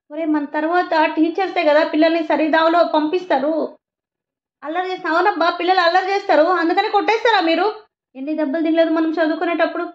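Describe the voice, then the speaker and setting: A woman talking in a passionate monologue about parenting, scolding her listeners and firing off rhetorical questions. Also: high voice. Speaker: vlogger giving opinions on parenting. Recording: roomy, dull lo-fi sound.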